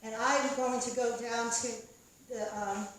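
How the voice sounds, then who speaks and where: A woman's voice: a little high, fairly even intonation, measured pace. Hesitant woman in an echoey hall. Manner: hesitant, loses her train of thought. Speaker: candidate. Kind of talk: debate speech. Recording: echoey room from far off.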